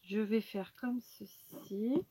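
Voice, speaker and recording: A woman talks viewers through a craft project at a relaxed, ordinary pitch, stopping often for fillers and side remarks. She speaks straight to her audience as she works. A faint hiss sits under her voice. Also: slow pace. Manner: chatty, explains while working, many fillers and asides. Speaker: craft tutorial host. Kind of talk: casual crafting tutorial.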